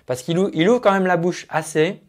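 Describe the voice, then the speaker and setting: A man's voice: sits high, moderate pace. A man working as a vocal coach, giving a chatty, explanatory spoken analysis of a singer's technique. He uses singing jargon and talks into his own microphone at a computer.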